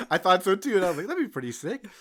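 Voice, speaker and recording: A man co-hosting a podcast, telling his side of a story in casual chat, often quiet and mumbly. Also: sits high, big pitch swings, fast. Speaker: podcast co-host.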